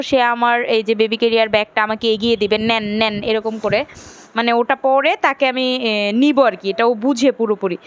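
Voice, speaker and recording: A woman's voice: a little high, smooth. A young woman from Bangladesh, a mother, narrating her family vlog in a chatty, step-by-step way with many fillers. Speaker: vlogger, mother of young children. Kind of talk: casual vlog voice-over narration.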